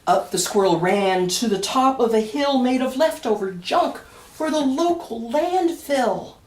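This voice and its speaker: A children's author reads a picture book of rhyming verse aloud at storytime, slowly and expressively, using dramatic emphasis and deliberate pauses. Her fairly high, slightly mellow voice has lively intonation, and the distant mic gives a roomy echo.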